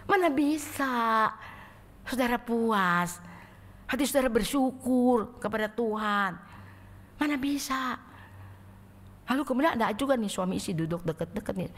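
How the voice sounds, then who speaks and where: A woman evangelist preaching a sermon in a church sanctuary, animated and acting out the people she describes. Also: on the high side, measured pace, long pauses. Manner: animated, acts out quotes, swings loud and soft. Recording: echoey church hall.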